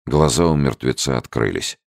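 Male audiobook narrator, gravelly, expressive, dry close sound. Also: very deep voice, normal speed, no echo. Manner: expressive reading. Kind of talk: scripted narration.

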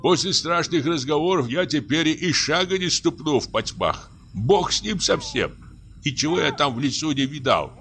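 A man's voice: medium pitch, lively intonation, a little slow, bright, forceful tone, slight background noise, voice pushed up. A man voicing a pious, frightened forest warden in a read-aloud story, plaintive and sighing. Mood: fearful.

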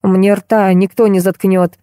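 A cantankerous old woman played by a female audiobook reader scolds and accuses in a grumpy, combative voice. The tone stays mellow and the recording is dry and close. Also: medium pitch, flat delivery, measured pace, no echo, close to an everyday voice. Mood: scolding. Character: cantankerous, combative elderly woman, a retired court archive clerk. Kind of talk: audiobook character voice.

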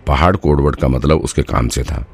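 A man with an exceptionally deep, low voice reads a detective audiobook, steady and measured. Soft music plays faintly beneath his narration. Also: husky. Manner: steady storytelling.

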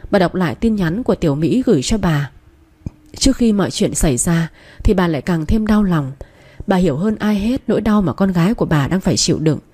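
A woman narrating a story in a calm, steady audiobook style. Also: lowish voice, slightly rough.

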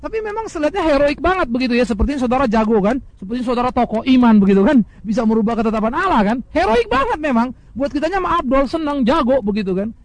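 A man preaching in a high, gravelly voice that races along. He speaks straight to his listeners, plays out imagined voices in brief asides, and lurches between emphatic peaks and hushed, intimate drops. The recording is close and dry. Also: fast talker, few pauses, no room sound, poor audio. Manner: animated preaching with sharp swings between loud highs and soft lows; addresses listeners directly and repeatedly. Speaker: pastor. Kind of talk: sermon.

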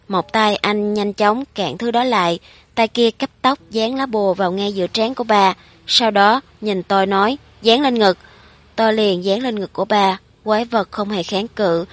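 Female horror narrator, middle pitch, steady and measured, dry close read. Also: dry recording.

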